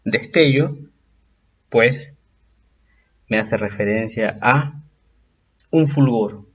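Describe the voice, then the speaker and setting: A man teaching a recorded exam-prep lesson, patiently explaining step by step and drawing out example words slowly. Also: medium pitch, slightly rough, muffled recording.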